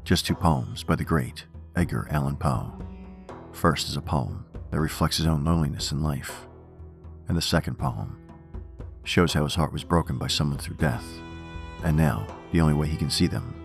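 A man's voice: a bass voice, animated, normal speed, creaky. A man narrating scripted horror as a theatrical, macabre horror host on a podcast. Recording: music behind the voice. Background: background music.

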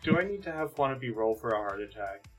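A man with a medium-pitched, animated voice runs a tabletop game as game master, narrating casually in a halting, conversational style over soft background music.

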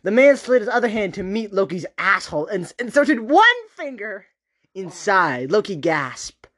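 A man's voice: sits high, big pitch swings, moderate pace, a bit bright. A man co-hosting a podcast, chatting casually and reading fan fiction aloud, often breaking into laughter. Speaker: podcast co-host.

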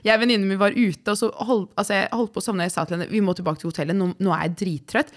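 A woman's voice: mid-range voice, steady tone. A young woman co-hosting a casual podcast, rambling through stories and cutting herself off with digressions. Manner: rambling, self-interrupting storyteller. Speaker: podcast co-host. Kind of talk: casual chat.

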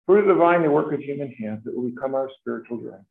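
Male priest, formal measured prayer, cathedral echo, thin lo-fi line. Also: mid-range voice, vocal fry, a little hiss or hum. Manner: measured, formal liturgical delivery. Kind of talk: leading Mass prayers. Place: large church. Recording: echoey church, tinny lo-fi sound.

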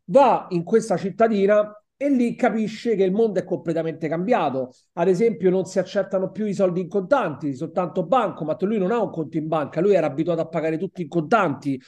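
A podcast co-host with an Italian accent chats casually about a TV series in a film and TV review show. His voice is high and slightly mellow, and he talks briskly with hardly any pauses, often repeating words while hunting for the next one.

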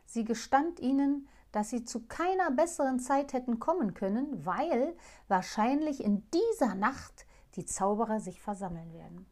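A woman narrating a fairy tale in a calm, hushed storytelling voice that sometimes drops to a near whisper. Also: a little high, moderate pace.

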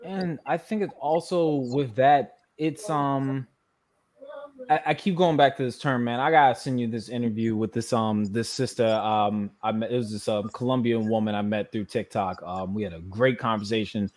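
A man's voice: medium pitch, fairly even intonation, moderate pace, a little mellow. A man hosting a casual interview, loose and conversational, with lots of fillers and friendly asides. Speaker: host.

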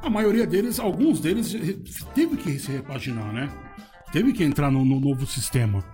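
A man's voice: fairly high pitch, expressive, normal speed, mellow, soft background music. A man, a DJ, chatting casually on a podcast, loose and laughing, swearing freely as he tells stories. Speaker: DJ guest.

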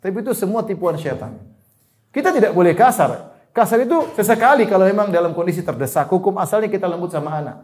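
A man giving an Islamic sermon, rising to emphatic points and then dropping to soft, low asides, sometimes chuckling at his own examples. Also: expressive, fast talker. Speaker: preacher.

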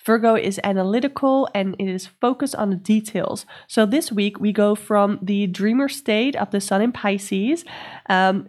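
A woman hosting a tarot and astrology podcast, sounding nasal and stuffed up from a cold, explaining in a gentle, earnest way with some ums. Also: medium pitch. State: sick with a stuffy nose. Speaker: podcast host and tarot reader. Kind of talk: casual podcast guidance talk.

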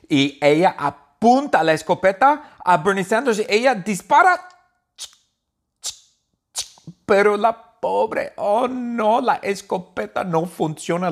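A man telling a silly story in slow, simple, repetitive phrases, with sound effects and exclamations. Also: medium pitch. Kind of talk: comic storytelling for learners.

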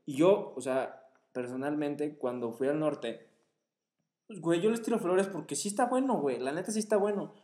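A man's voice: on the high side, expressive, moderate pace, dark tone, echoey room. A young man with a Mexican Spanish accent co-hosting a casual chat, full of crude slang and constant "güey". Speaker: podcast co-host.

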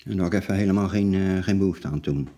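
Low-voiced, halting man in his forties. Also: mellow. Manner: halting, blunt, plain-spoken. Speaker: interview guest telling his life story. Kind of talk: personal interview.

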